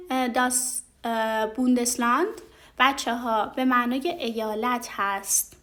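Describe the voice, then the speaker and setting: A woman teaching a vocabulary lesson, talking straight to her learners, patiently repeating and slowly modeling each pronunciation with frequent hesitation sounds. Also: on the high side, fairly bright tone. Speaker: German language teacher.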